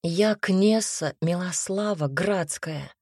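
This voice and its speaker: Storybook heroine: a woman playing a sharp-tongued young noble mage, lowish, dry sound. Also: slow, no echo. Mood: caustic. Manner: dry, caustic retorts.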